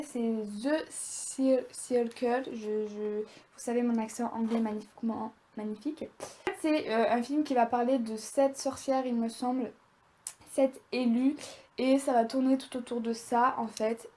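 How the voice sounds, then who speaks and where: A woman's voice: fairly high pitch, mellow. A young woman talking casually to viewers in a review vlog, chatty and rambling as she goes. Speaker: video creator.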